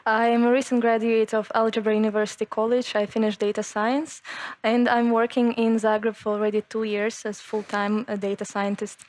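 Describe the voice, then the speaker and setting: A woman, speaking as a panel guest in a steady, matter-of-fact way. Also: fairly high pitch, fairly quick. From Ukraine. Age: 20s.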